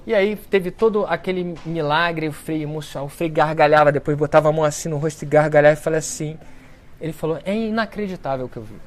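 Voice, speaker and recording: A man giving a storytelling talk to an audience, acting out the quoted speech with lively shifts in his voice. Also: fairly high pitch, fast talker. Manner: animated storyteller who acts out quoted speech. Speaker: speaker at a book launch talk. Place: lecture event before an audience.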